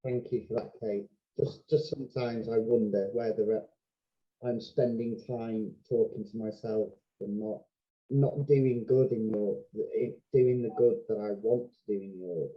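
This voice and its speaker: A man's voice: lowish voice, steady tone, a little slow. A man speaking on an online panel in a hesitant, self-doubting way, over dull call audio. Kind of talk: informal panel talk.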